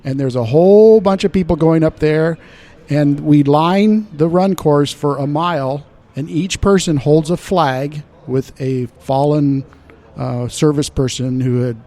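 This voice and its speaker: A middle-aged man, a studio guest, chatting casually and rambling through a story, his voice trailing off softly. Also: fairly high pitch, measured pace. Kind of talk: casual chat. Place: indoor shop space.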